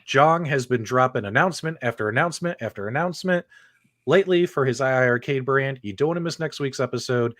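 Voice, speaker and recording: Quick-paced and a bit bright, a medium-pitched man hosts a casual livestream chat for a video game talk show with plenty of enthusiasm. He repeats phrases to stress them, and his voice comes across dry and close, with no echo and very little room around it.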